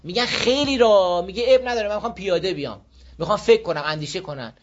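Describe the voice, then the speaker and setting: A man's voice: sits high, lively intonation. A man from Iran giving an informal moral talk on parenting to a group, telling stories and often checking that listeners follow. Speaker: speaker advising a group on parenting. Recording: dull lo-fi recording.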